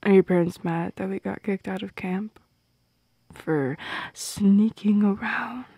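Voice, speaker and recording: A woman audio roleplay performer voices a shy, teasing goth girl in intimate ASMR acting, breathy, whispery and creaky, unhurried and hesitant, stopping with small laughs. Her pitch is medium, and the close mic in a dry space captures no room sound.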